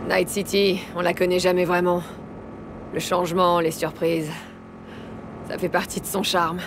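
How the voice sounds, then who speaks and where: A woman's voice: on the low side, flat delivery, measured pace, background noise. A woman playing a blunt, streetwise mercenary in a game, with casual, sceptical, slangy delivery. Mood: wry. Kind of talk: casual video game dialogue.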